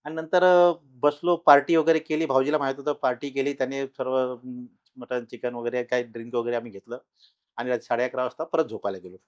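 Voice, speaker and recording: A middle-aged man tells his own ghost experience as a podcast guest, talking casually with many pauses and restarts and growing louder at the tense moments. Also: medium pitch, fairly even intonation. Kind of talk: casual storytelling in an interview.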